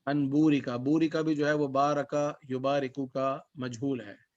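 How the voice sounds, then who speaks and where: A man teaching Quranic Arabic as a class lesson, reciting verses slowly and then explaining them word by word. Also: medium pitch, fairly even intonation. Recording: dull lo-fi recording.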